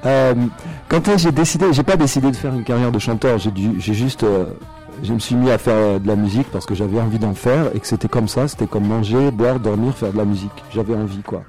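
A French-raised singer and musician with a fairly low, mellow voice talks quickly in a casual radio interview. He answers loosely and hesitantly, with lots of fillers and little laughs, while soft music plays underneath.

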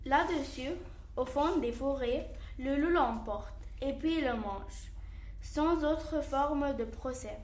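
High-voiced woman, slow fable narrator, echoey room. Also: a little mellow. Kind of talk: fable recitation.

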